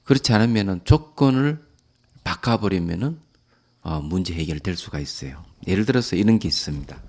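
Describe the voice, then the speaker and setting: In a low, brisk voice, a male Buddhist monk gives a calm talk on the dharma, frequently letting his phrases trail off gently.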